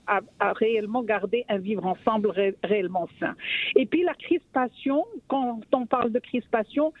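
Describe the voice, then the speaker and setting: A woman's voice: fairly high pitch, dry recording. A woman from Morocco, a radio guest speaking with passion, often repeating words as she searches for the next one. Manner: impassioned, repeats words while searching, rhetorical questions. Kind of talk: radio discussion. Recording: dry, phone-like line.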